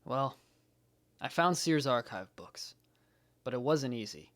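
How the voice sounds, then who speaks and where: A man's voice: medium pitch, expressive, takes it slowly, a bit bright. Field: fan audio drama. Figure: a man playing a guilt-ridden young Jedi. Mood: weary. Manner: earnest, self-blaming, subdued.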